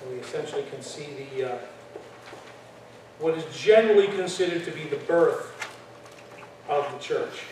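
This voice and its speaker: A man's voice: on the high side, moderate pace, long pauses. A man teaching a church class in a conversational lecture style, with frequent fillers and restarts. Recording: echoey room from far off, faint noise.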